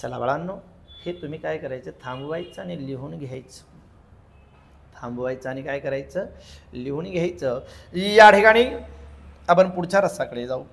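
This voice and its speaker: A man's voice: fairly high pitch, normal speed, creaky, long pauses, a bit bright. A man with a Marathi accent teaching a class in a sing-song recitation, laughing often as he explains. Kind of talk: classroom lecture.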